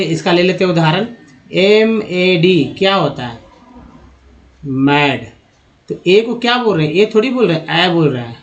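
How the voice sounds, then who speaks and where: A man's voice: high voice, lo-fi sound. A man teaching English pronunciation, spelling words letter by letter, repeating them and asking the listener rhetorical questions. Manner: addresses viewers as friends and asks rhetorical questions. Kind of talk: spoken lesson.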